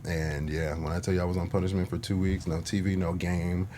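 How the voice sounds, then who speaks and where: Deep-voiced man telling a story. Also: level tone, fairly quick, dark tone, slight background noise. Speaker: podcast co-host. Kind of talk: casual chat.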